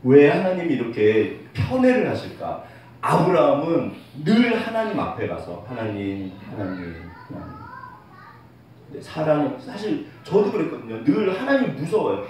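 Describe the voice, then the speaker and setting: A man's voice: on the high side, wildly swooping pitch, normal speed, a little mellow. A man preaching a sermon as pastor, candid and heartfelt, with light self-teasing humor toward his congregation. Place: church sanctuary. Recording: very echoey church hall, voice picked up from far off, faint hiss.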